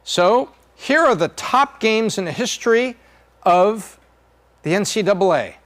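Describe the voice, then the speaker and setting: A man's voice: high-pitched, animated, unhurried, fairly bright tone. A middle-aged man hosting a podcast, walking through charts in a chatty, joking way. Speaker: podcast host.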